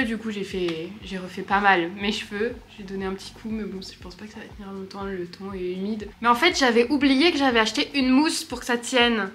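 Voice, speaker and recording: A woman's voice: on the high side, fairly bright tone, a little hiss or hum. Chatty young woman vlogging at home. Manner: chatty, rambling, self-mocking asides. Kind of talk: casual home vlog. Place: apartment living room.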